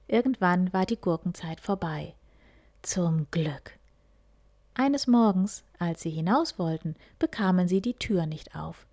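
A woman softly whispering a children's story, reading one tale after another. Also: on the low side. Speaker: reader.

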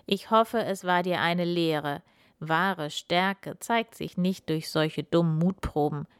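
A woman voicing Santa Claus, a kindly, wise old man who speaks gently admonishing and reassuring in a children's story. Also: lowish voice, slow, smooth, no echo, studio quality. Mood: fatherly.

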